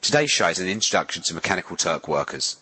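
A man hosting a radio show, reading a scripted introduction in a measured, announcer-like way. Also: low voice, big pitch swings, pushed and bright, breathy edge, poor audio.

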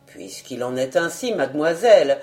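A woman reader playing a great male detective who speaks gravely and categorically in a lowered voice. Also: expressive, normal speed, mellow, soft background music.

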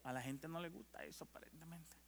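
A man, a pastor, preaching a sermon. He talks conversationally and checks in with the congregation, then gets loud and animated when he quotes scripture. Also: fairly high pitch, fast talker, creaky, breathy edge. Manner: conversational, asks the congregation if they are with him. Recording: long hall reverb.

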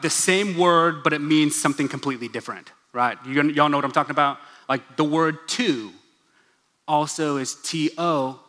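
A young pastor from Oklahoma, USA, delivers a casual, joking sermon at a church gathering, tossing asides to the crowd. His voice is on the high side with a sharp tone, and the large church hall adds a long reverb.

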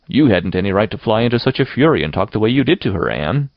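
A man's voice: on the low side, big pitch swings, fast talker, no room sound, lo-fi sound. A man voicing a severe, dry middle-aged woman guardian who scolds in a storybook reading. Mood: scolding.

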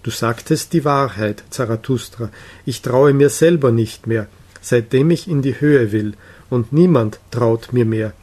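Man reading troubled young man, weary, despairing, earnest, pleading, slow, audiobook. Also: medium pitch, darkish tone, close to an everyday voice.

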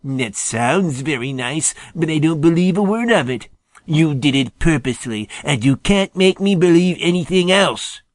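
Male reader as a furious storybook skunk, snappish and accusing, pitch leaping around, dry close sound. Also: expressive, normal speed, dry recording, close to an everyday voice. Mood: angry. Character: angry grudging male skunk.

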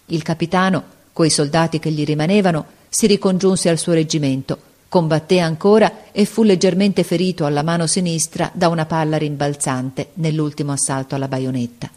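Female narrator, low-pitched, measured dramatic storytelling of a literary tale. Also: a little mellow.

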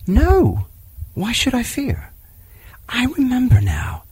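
Man reader doing an earnest, raised-pitch wild boy, lively and husky. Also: takes it slowly, no echo, exaggerated voice. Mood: eager. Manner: earnest and excited. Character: eager, bold wild boy raised by wolves.

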